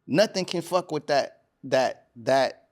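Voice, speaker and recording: A man's voice: medium pitch, expressive, slow. Casual man rambling in a podcast chat. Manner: rambling, restarts often, emphatic when making a point. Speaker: podcast host. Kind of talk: casual studio conversation. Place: podcast studio.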